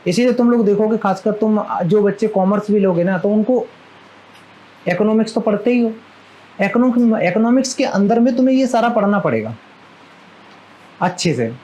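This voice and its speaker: A man's voice: high-pitched, expressive, moderate pace, pauses often, darkish tone, low-quality recording. A male maths teacher giving a live classroom lecture, chatty and fondly scolding, who keeps asking his students questions.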